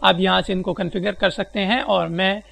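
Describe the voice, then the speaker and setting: Tutorial presenter, male, gravelly and high-pitched, hesitant step-by-step delivery. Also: fairly even intonation, a bit bright, slight background noise. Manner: explains step by step with frequent hesitations. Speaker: presenter demonstrating a screen reader. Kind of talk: spoken software tutorial.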